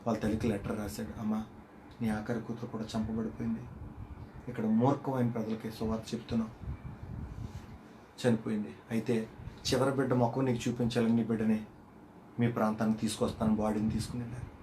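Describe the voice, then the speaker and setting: A male pastor preaching a sermon with dramatic storytelling, swinging from loud emphatic lines to hushed ones. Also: fairly low pitch, flat delivery, a little fast, long pauses, a little hiss or hum.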